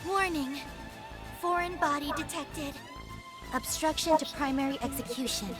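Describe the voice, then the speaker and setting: A glitching android girl, voiced by a woman, her high voice running through cold error alerts and shutdown warnings in a flat robotic cadence. The game audio has loud music playing underneath her. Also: normal speed, lightly acted. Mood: alarmed. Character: malfunctioning female android, cold and dutiful. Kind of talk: video game voice acting.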